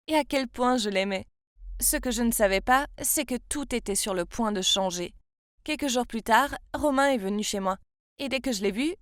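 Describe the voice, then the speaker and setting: A woman in her twenties from France tells her own story in the first person, in a confiding and emotional way. Her voice is fairly high. The recording is a dry, close voice-over. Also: no room sound. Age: 20s. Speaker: narrator.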